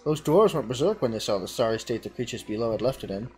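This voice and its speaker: A man's voice: medium pitch, lively intonation, fast, darkish tone, a little hiss or hum, close to an everyday voice. A man voicing a wry adventurer in a video game, reading the lines in a dry, matter-of-fact way. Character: wry adventurer reporting a cellar mess. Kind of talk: reading game dialogue aloud.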